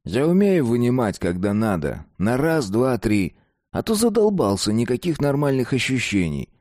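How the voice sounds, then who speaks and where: A man voicing a sleazy, unhinged young man with a hoarse voice. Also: medium pitch, big pitch swings, moderate pace, a little mellow, dry recording, studio quality, voice pushed up, natural voice. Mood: pushy.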